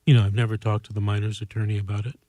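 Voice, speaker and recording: A man hosting a call-in show, giving earnest legal advice in a measured, conversational way. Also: fairly low pitch, flat delivery, dark tone, no room sound.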